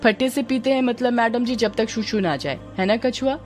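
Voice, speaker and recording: A woman's voice: on the high side, normal speed, darkish tone, soft background music, lightly acted. A woman voicing a mocking, jokey male police assistant.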